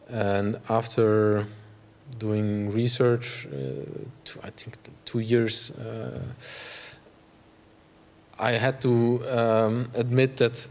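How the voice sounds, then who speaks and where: In a gallery room, a Belgian man in his forties gives an artist talk through a lapel mic, his Flemish accent reflecting his native Dutch. The delivery is halting, with many fillers and restarts, at a medium pitch.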